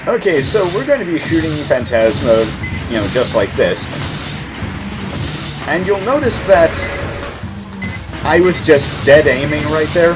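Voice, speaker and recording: A man commentates a video game in a somewhat high voice with animated, swinging intonation. He explains things with stress on key words, while game music plays clearly behind him. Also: measured pace, pauses often. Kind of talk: gameplay commentary.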